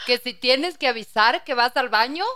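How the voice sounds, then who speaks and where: A woman's voice: on the high side, moderate pace, bright, forceful tone. A woman interviewing a guest, asking prompting questions and laughing easily. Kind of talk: conversational interview.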